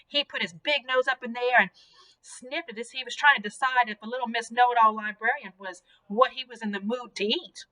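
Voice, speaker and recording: A woman voicing an elderly Southern woman librarian, telling a story in a gentle, drawn-out way while reading a children's novel aloud. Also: on the high side, steady tone, poor audio. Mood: storytelling.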